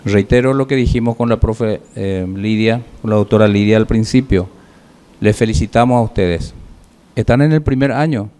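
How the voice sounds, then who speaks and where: A man teaching public speaking, giving feedback to his class in a measured way, listing points with pauses and rhetorical questions. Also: lowish voice, mellow, clean tone.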